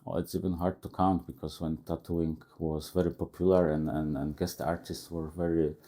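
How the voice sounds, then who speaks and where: A man in his forties from Poland with a Polish accent, speaking halting non-native English as a guest in a casual interview. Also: sits low, flat delivery, mellow. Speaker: guest tattoo artist. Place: tattoo shop.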